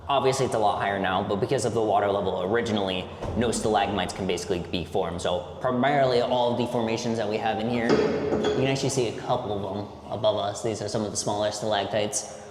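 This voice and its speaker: Male cave guide, explanatory tour delivery, mid-pitched, heavily echoing cave acoustics with noise behind. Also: quick pace. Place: inside a cave, on a tour boat. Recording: echoey cave, long reverb, background noise.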